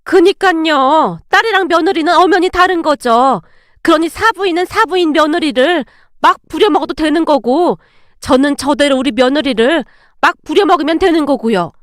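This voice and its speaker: Brief: a woman playing a sly, sarcastic older woman, high voice, dry close sound. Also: normal speed, no echo, lightly acted. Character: sharp-tongued older woman, the bride's mother.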